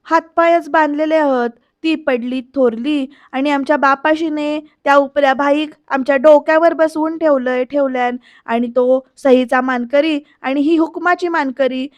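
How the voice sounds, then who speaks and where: A grumbling, scheming middle-aged man, read by a woman. The voice sits high and dry, and he complains about being kept from power. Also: fairly even intonation, moderate pace, no echo, lightly acted. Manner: bitter, grumbling.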